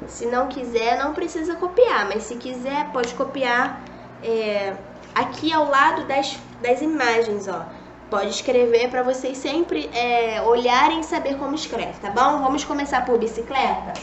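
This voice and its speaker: A woman's voice: sits high, measured pace, slight background noise. Patient young woman teaching small kids. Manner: patient, coaxing, talks to kids as "a tia", many "ó" and "tá bom?". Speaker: preschool teacher. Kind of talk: recorded video lesson for small children. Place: classroom with a whiteboard. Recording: dull echoey room recording.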